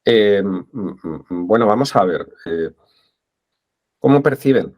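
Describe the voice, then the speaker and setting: A man's voice: lowish voice, animated, takes it slowly, darkish tone. A man with a Spain Spanish accent, interviewed as an expert guest, who speaks hesitantly with many fillers. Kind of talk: interview conversation.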